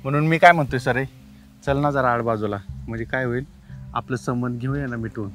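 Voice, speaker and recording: A man's voice: sits high, lively intonation, measured pace, fairly bright tone, faint music behind. An actor playing a pushy, leering village man who taunts and bullies. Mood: wheedling. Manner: taunting, bullying. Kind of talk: web series acting.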